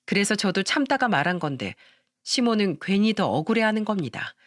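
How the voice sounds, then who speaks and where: Woman narrator, indignant storyteller, mid-pitched, animated delivery. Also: a little fast, no room sound, studio quality.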